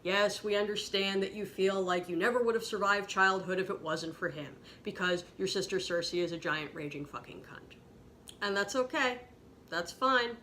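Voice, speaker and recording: Bright-voiced woman in an angry rant. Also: normal speed, a little hiss or hum. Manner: heated, sarcastic, swearing, pitch swings up when outraged. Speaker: podcast host ranting about a TV episode.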